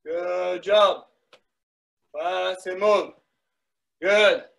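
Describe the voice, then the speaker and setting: A man's voice: high-pitched, fairly even intonation, extremely slow, creaky, fairly bright tone. A middle-aged man coaching a live workout, giving short repeated commands with words of encouragement. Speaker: soccer fitness coach. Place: small wood-panelled indoor room. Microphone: device mic a few metres away.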